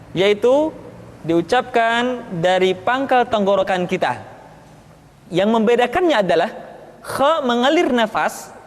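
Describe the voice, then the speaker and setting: A woman teaching Quran recitation, explaining each letter slowly and drilling the syllables one by one with deliberate emphasis. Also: medium pitch, in a large hall. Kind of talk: recorded pronunciation lesson.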